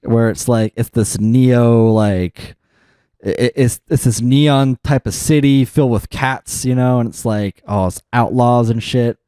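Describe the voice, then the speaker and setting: Male podcast co-host, warm mellow tone, dry close mic, rambling chatter full of "like" and "um". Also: mid-range voice, unhurried, clean tone, no room sound. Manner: rambling, frequent fillers and restarts. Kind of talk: casual chat.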